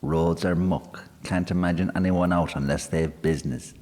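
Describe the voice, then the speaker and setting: A man with a low, slightly mellow, natural voice speaks at a moderate pace with fairly even intonation, playing a proud, boastful politician and barrister in his forties. Hearty, pompous and self-satisfied, the character holds forth in a pub, and the recording carries a long hall reverb.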